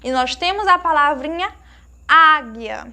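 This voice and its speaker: A woman teacher giving a lesson to young children, asking them questions and slowly sounding out each word she explains. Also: high voice. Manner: slow emphatic sounding-out of words; warm diminutives, asks pupils questions.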